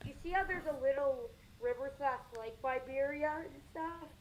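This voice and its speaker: A woman's voice: high-pitched, moderate pace, a crowd in the background, rough recording. A woman co-hosting a live storm stream, talking in a rambling, chatty way full of fillers. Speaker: co-host of storm livestream. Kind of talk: casual live weather chat.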